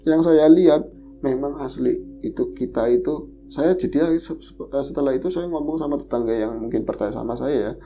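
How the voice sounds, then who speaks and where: A man's voice: mid-range voice, normal speed, over music. Man telling a horror story. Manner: animated, fearful retelling. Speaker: guest storyteller. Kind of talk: telling a personal horror experience.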